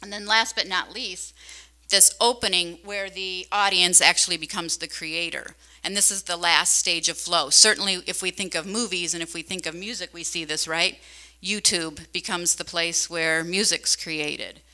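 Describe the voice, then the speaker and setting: Woman, middle-aged, conference keynote, conversational, crisp smooth tone, handheld mic. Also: fairly low pitch, fairly even intonation, normal speed, sharp tone. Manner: conversational, asks the audience questions. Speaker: keynote speaker. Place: large conference hall. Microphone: handheld microphone.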